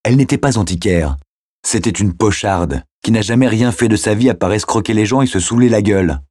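A man's voice: on the low side, fairly quick, darkish tone, no room sound, studio quality, pitched above the performer's own voice, lightly acted. A man voicing a stubborn, wounded widower who insists in a raised voice. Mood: bitter, confessing.

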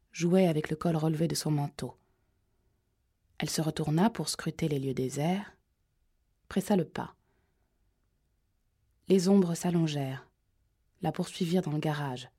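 A woman reading a thriller audiobook in a measured, suspenseful way. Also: low-pitched, dark tone, husky. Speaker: audiobook narrator. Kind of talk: scripted narration.

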